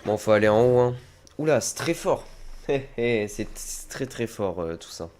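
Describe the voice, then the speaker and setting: A man's voice: mid-range voice, expressive, normal speed, darkish tone, soft background music. Chatty man streaming with a head cold. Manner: chatty, rambling, talks to viewers. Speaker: streamer playing a game. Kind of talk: casual let's-play commentary. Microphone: desk microphone.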